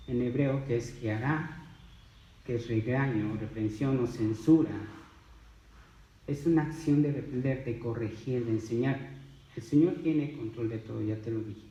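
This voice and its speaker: Male preacher, mellow tone, emphatic, rhetorical, roomy echo. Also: mid-range voice, far from the mic, lo-fi sound. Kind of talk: sermon.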